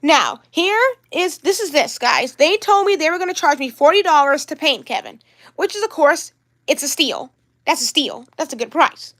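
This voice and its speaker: Brief: young woman, high voice, upset rambling livestream vlogger. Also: lively intonation, normal speed, fairly bright tone. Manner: upset, rambling, repeats herself. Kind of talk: livestream vlog talk.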